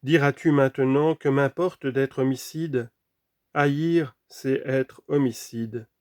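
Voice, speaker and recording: A man reading a sermon aloud in an earnest, deliberate way, dropping quieter for scripture references. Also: medium pitch, steady tone, no echo, studio quality. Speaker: reader of a sermon.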